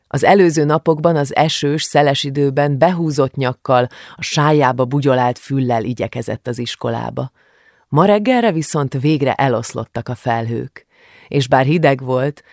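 A man narrating an audiobook in a calm, even storytelling manner. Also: medium pitch, gravelly, no room sound, clean studio sound. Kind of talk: scripted narration.

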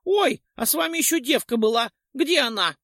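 A man voicing a boastful, half-rotten male ghoul in an audiobook, shrill and gleeful. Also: expressive, moderate pace, fairly bright tone, dry recording, studio quality, exaggerated voice. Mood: gloating. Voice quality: squeaky and shrill. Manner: gleeful, bragging, whining. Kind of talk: audiobook character voice.

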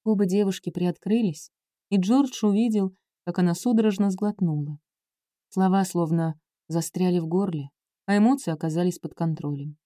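A woman narrates an audiobook in a smooth, even storytelling voice. Her tone is mellow and soft, recorded close in a dry, dead room. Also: fairly low pitch, moderate pace, no room sound. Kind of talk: scripted narration of a romance novel.

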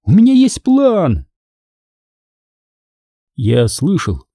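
A man's voice: medium pitch, mellow, husky, dry recording, studio quality. A man narrating an audiobook with tense, dramatic storytelling.

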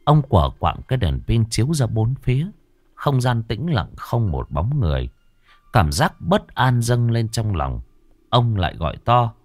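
A man's voice: measured pace, no echo. A man narrating a ghost story as storyteller. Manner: expressive, varied pitch.

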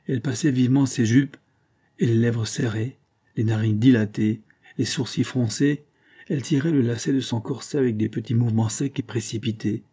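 A man narrating a classic novel as an audiobook in a steady, even storytelling delivery. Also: mid-range voice, normal speed, husky.

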